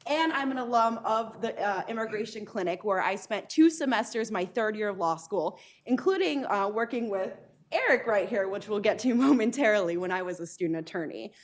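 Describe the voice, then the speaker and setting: A law professor from Arizona, United States, a woman in her thirties, introduces herself at a panel event. Her mid-range voice is lively in intonation and fairly quick, and she comes across as earnest, with frequent ums and occasional light laughs.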